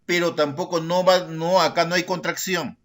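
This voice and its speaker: A man's voice: a little high, steady tone, normal speed, fairly bright tone. A male secondary school teacher, patiently explaining grammar to his students and checking in with frequent tag questions. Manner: addresses students directly and repeats key words. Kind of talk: recorded grammar lesson.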